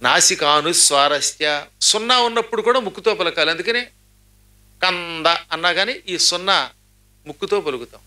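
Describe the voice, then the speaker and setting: A man's voice: fairly high pitch, normal speed, pushed and bright. A middle-aged man giving a spiritual discourse, chanting verses and then explaining them, with humorous asides that mimic how words get pronounced. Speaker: religious speaker.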